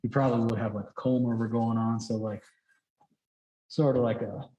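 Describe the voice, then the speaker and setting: A man's voice: medium pitch, fairly even intonation, moderate pace, mellow, dull audio. A man speaking through a face mask, casually thinking aloud as he teaches drawing in a rambling, chatty way. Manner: rambling, chatty, frequent "like" filler. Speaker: drawing instructor. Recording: echoey, roomy sound.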